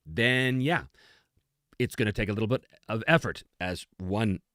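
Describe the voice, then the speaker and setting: A man's voice: on the low side, normal speed, a bit bright, dry recording, clean studio sound. A man hosting a casual talk on tabletop gaming and answering questions in an emphatic, conversational, self-deprecating way. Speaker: host, game designer and game master.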